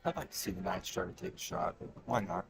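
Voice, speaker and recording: A man in the color commentator's seat, breaking down football plays in a relaxed, conversational way. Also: low-pitched, quick pace, gravelly. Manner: relaxed, conversational, with fillers and restarts. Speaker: color commentator and high school coach. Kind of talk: casual analytical sports commentary.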